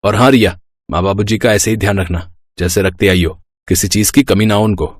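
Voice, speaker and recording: A man's voice: lowish voice, fairly even intonation, brisk, dry recording, studio quality, close to an everyday voice. A man voicing an easygoing young husband in a cartoon story, talking casually and coaxingly.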